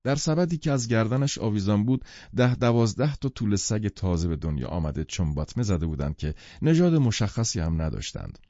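A man reading a novel aloud in a measured, expressive way, his voice low and dark with lively rises and falls in pitch. The recording is dry and a little dull in tone. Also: no room sound. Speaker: audiobook narrator. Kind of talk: scripted literary narration.

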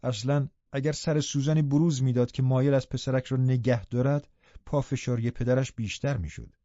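A man narrating an audiobook in a steady storytelling manner. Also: medium pitch, no echo. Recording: dull, dry studio recording.

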